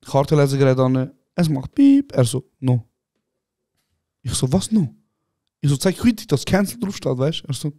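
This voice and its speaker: Ein junger Mann aus der Schweiz mit Schweizerdeutschem Akzent, Co-Host eines Podcasts, der eine Ferien-Anekdote lebhaft und aufgedreht erzählt und andere Leute laut nachspielt. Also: male voice, medium pitch, normal speed, dry recording, clean studio sound. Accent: Swiss German. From Switzerland. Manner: excited anecdote telling, acting out other people with shouts, calls the other host "Bro". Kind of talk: casual chat, animated storytelling.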